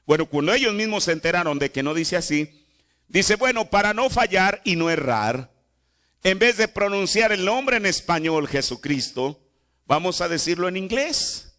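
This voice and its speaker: A man's voice: sits high, lively intonation, normal speed, bright, forceful tone. A man preaching a sermon in a church, repeating phrases and asking the congregation rhetorical questions. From Mexico. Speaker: pastor.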